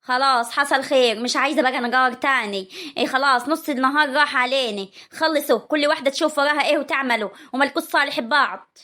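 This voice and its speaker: A woman's voice: sits high, fast, bright, forceful tone. A woman with a rural Egyptian accent playing a bossy older mother-in-law who scolds and orders the family about. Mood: exasperated.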